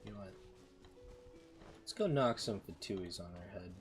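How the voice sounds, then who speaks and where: A game streamer with a low, expressive voice mutters to himself at a moderate pace while playing, giving casual commentary. Music plays in the background, and his noisy mic picks up typing, mouse clicks, and general background noise.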